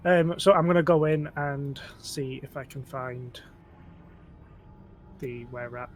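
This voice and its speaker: A man in a tabletop game, speaking softly and hesitantly while explaining his next move. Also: medium pitch, slow pace, slight background noise. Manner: soft-spoken, hesitant with fillers. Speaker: player. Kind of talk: casual tabletop game chat.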